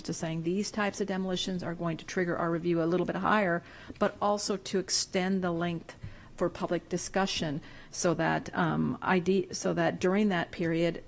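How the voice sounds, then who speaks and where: Gravelly-voiced woman presenting at a city meeting. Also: fairly low pitch. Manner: measured, with many fillers. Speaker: city planning staff.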